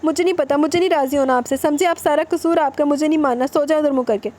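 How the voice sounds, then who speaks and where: A sulky young wife pouts and refuses to make up, in a romance audiobook, voiced by the woman reading it. Her voice is high and petulant, with a mellow, soft tone underneath. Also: lightly acted. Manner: pouting, petulant.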